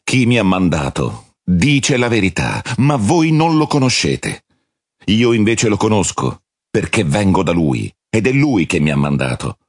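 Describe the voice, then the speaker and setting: A man reading the part of a calm, solemn male religious teacher in a measured, husky voice. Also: sits low, no room sound, clean studio sound, heavily acted.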